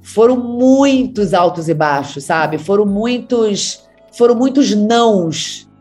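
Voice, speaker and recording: A woman's voice: medium pitch, lively intonation, slow pace, mellow, soft background music. A talkative Brazilian woman, an actress, telling stories from her career in a casual, laughing way. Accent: Brazilian Portuguese. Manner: chatty, laughing, talks a lot. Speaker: actress, interview guest. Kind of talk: casual storytelling.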